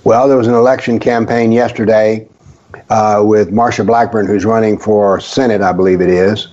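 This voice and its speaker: A man's voice: lowish voice, flat delivery, moderate pace, darkish tone. Wry older man with dull lo-fi sound. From American South. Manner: wry, sarcastic, storytelling. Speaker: guest author. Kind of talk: casual radio talk. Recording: dull lo-fi audio.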